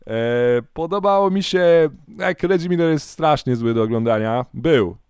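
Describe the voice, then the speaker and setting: A man co-hosting a podcast, chatting casually in an animated, rambling way and often correcting himself mid-sentence. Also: fairly high pitch, normal speed, smooth, dry recording, studio quality. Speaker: podcast co-host. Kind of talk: casual chat.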